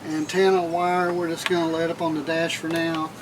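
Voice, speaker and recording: In a brisk, monotone voice on the high side, a man hosts a vlog demonstrating a task hands-on in and around a minivan. His casual, plain-spoken explanation often circles back to the same phrases, and the background is noisy.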